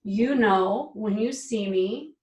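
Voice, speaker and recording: A woman in her forties, a style expert being interviewed, talking in an animated, emphatic way and laughing often. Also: medium pitch, takes it slowly, echoey room, distant mic. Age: 40s. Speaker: guest, personal style expert. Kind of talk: casual interview chat.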